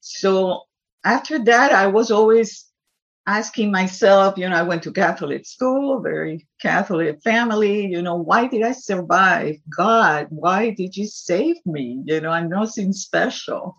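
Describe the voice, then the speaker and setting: Speaking at a measured pace with a medium-pitched voice, this poet from Puerto Rico shares personal stories and reads her work before a crowd. She's a native Spanish speaker with a Puerto Rican accent, captured on lo-fi audio.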